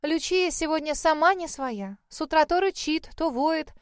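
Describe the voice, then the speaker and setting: A woman voicing a chatty, fussy middle-aged lady who talks high and effusively. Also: normal speed, no echo, studio quality, natural voice. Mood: gushing.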